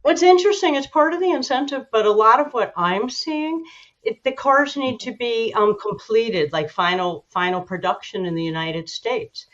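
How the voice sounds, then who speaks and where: A woman giving measured, informative, slightly halting explanations as an expert guest in a broadcast interview. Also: a little high, a bit bright, dull audio.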